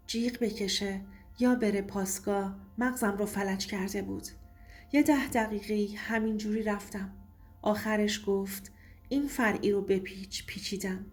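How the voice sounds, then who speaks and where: Woman narrating a tense story. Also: medium pitch. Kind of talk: scripted first-person story narration.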